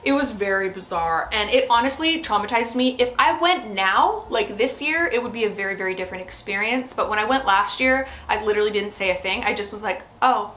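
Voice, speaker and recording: A woman's voice: mid-range voice, expressive, a little fast, hardly any pauses, a bit bright. Candid woman chatting in a roomy space. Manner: candid, earnest, conversational. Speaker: online content creator answering viewer questions. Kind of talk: casual confessional Q&A chat. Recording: roomy echo with faint background noise.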